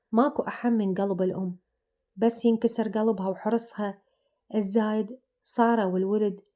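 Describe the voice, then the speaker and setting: A woman with an Iraqi Arabic accent narrates a family story in a casual, chatty way. She talks straight to her listeners as she goes. Her voice is mellow and soft. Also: medium pitch. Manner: chatty, addresses listeners directly.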